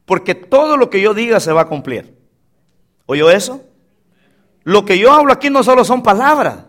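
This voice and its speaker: A man preaching at a church pulpit in a very high voice that leaps up and down with lively swings. He drives his sermon with emphatic call-and-response, having the congregation repeat after him. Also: moderate pace. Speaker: pastor.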